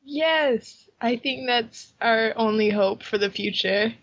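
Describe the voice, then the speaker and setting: A woman's voice: fairly high pitch, takes it slowly, a bit bright. Bubbly woman host on a muffled mic. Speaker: podcast co-host. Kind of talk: casual chat.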